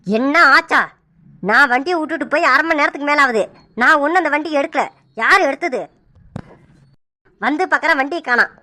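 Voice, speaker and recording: A woman's voice: high voice, normal speed, long pauses, pushed and bright. A woman voicing a grumbling, scolding middle-aged village father.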